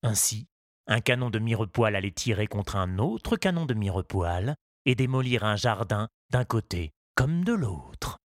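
A man narrating a children's story in a measured, expressive reading. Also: fairly low pitch, no echo, studio quality.

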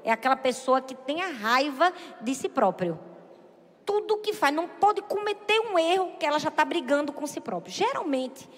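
A woman preaching a lively sermon, often asking her listeners to agree and acting out what people say. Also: high-pitched, moderate pace, big-room sound. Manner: lively, asks the audience "é verdade ou não é?"; acts out quoted people in a raised voice.

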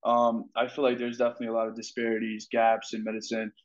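A man's voice: medium pitch, completely flat delivery, quick pace, lo-fi sound. A man, a medical student, answering an interview question earnestly.

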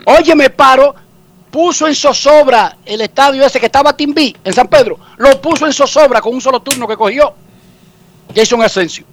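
A high-voiced man with a Dominican accent hosts a sports call-in show, lively and joking. He talks fast and playfully. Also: slight background noise. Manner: joking, theatrical mock sobbing. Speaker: sports radio host. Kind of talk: comic sports talk radio.

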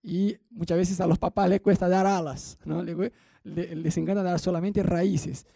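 A man's voice: sits high, steady tone, normal speed, vocal fry, warm tone, no echo, studio quality. A young man preaching a conversational sermon with a Rioplatense Spanish accent, often asking the congregation questions. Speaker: pastor.

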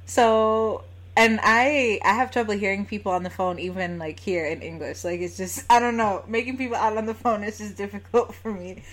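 A woman with a standard American accent talks in an informal, chatty way. Her voice sits at a middling pitch, and she sounds like someone interviewing in a casual conversation. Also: steady tone, normal speed. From United States. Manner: informal, chatty, laughs easily while talking. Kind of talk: casual chat.

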